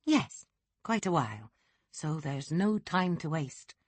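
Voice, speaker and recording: A woman voicing a gentle, pleasant middle-aged nurse with a Scottish accent in an audiobook. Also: low-pitched, very animated, slow, no echo, exaggerated voice.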